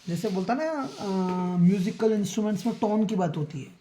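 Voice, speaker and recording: A man lectures on school science in a classroom, counting out loud, questioning students, and checking they understand. His voice is high and dark in tone, a little fast, with slight background noise.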